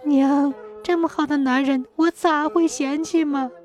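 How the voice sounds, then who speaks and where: A woman voicing a timid young bride in a folk tale, speaking softly and earnestly. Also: high voice, steady tone, a little slow, faint music behind, pitched above the performer's own voice.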